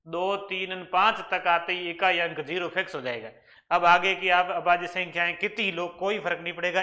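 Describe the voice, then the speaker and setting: A man with a Rajasthani accent gives an exam-prep maths lesson. His voice sits high and sounds bright and forceful. He walks through each problem step by step, posing questions and answering them himself. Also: highs cut off. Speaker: maths teacher.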